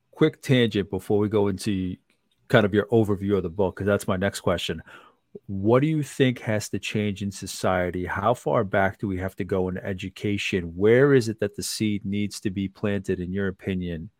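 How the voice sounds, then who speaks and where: A man's voice: on the low side, normal speed, no echo, clean studio sound. A man hosting a book interview, asking long, meandering questions with frequent restarts. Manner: rambling questions with many fillers and restarts. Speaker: podcast host.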